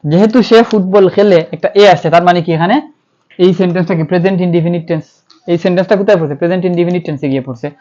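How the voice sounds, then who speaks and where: A man's voice: high voice, racing, dark tone. A man with a Bangladeshi accent teaching English grammar. He asks questions and answers them himself, and spells words out letter by letter. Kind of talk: classroom-style lecture. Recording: slightly dull, lo-fi.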